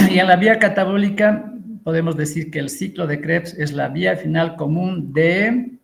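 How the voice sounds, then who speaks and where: A middle-aged man, giving an online lecture and explaining with pauses and fillers. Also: high voice, gravelly, fairly bright tone. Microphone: computer mic on a video call.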